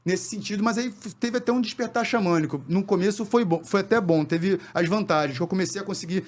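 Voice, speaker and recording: A man, talking in a casual interview about his past, in a rapid, halting way with lots of repeated words. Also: sits high. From born in New York, raised in Brazil. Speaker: podcast guest, actor.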